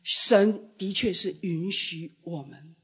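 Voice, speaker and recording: A woman preaching a sermon, dramatic, acting out voices from scripture and swinging from loud outbursts to soft, quiet words. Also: mid-range voice, takes it slowly, husky.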